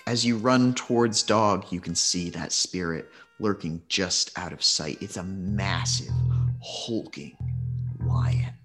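Slow-paced male game master over guitar. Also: sits low, a bit bright. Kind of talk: narrating a tabletop role-playing game. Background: faint plucked guitar music.

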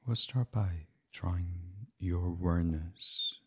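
A man guides a gentle sleep meditation slowly, using a low-pitched, soothing voice. His delivery is hushed and breathy, drifting toward a whisper.

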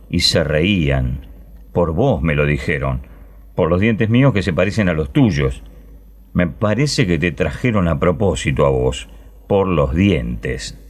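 A man's voice: low voice, darkish tone. A man, a radio host reading a short story aloud and speaking wistfully and intimately as a child in the first person. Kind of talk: expressive literary reading.

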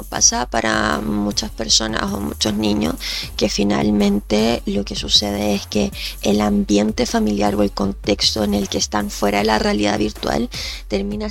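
A woman with a medium-pitched, gravelly voice hosts a podcast, sounding nasal from allergies. She's a researcher too, explaining things thoughtfully with fillers and restarts.

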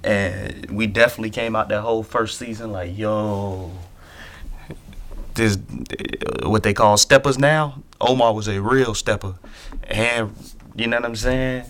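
A man rambles in loose slang, leaning on "you know what I'm saying" again and again. His voice sits a little low. Faint noise hums behind him, as if he is sitting in a vehicle. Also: fairly even intonation, unhurried, a bit bright. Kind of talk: casual rambling commentary.

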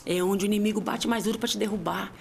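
A woman's voice: fairly even intonation, quick pace, gravelly, crowd noise. Woman giving a tearful faith testimony. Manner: heartfelt, swings from low murmurs to high emphatic cries. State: tearful at times. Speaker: podcast guest.

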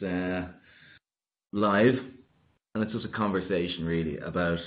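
An Irish man in his thirties hosting a casual podcast chat, upbeat and chatty. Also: deep voice. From Ireland. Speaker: podcast host. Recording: tinny phone-like line.

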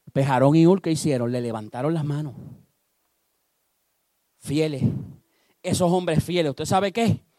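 A man preaching a sermon, telling a story with animated delivery and acting out the characters. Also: on the high side, no echo, clean studio sound.

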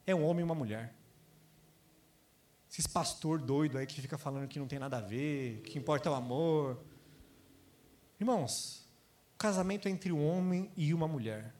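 A man with a Brazilian Portuguese accent preaching a sermon, lively, acting out quoted voices and asking his congregation questions. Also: fairly high pitch, moderate pace, pauses often, a little hiss or hum. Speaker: pastor.

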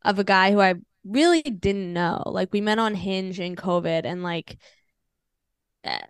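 Frank, rambling woman with a smooth voice. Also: mid-range voice, a little slow, dry recording. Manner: rambling, frank, swears freely, laughs at dark moments. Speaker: podcast guest. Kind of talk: candid personal storytelling.

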